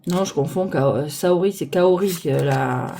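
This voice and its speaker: Mellow woman rambling over tarot cards. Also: low-pitched, measured pace, slight background noise. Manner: rambling, searches for names aloud. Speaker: tarot deck reviewer. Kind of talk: casual deck presentation. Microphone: phone on a holder arm.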